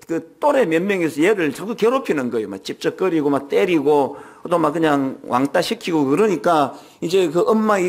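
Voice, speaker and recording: A senior pastor in his sixties preaches a Sunday sermon in a church sanctuary, his voice high with a darkish tone. He shares personal stories with humor and frequently asks the congregation rhetorical questions.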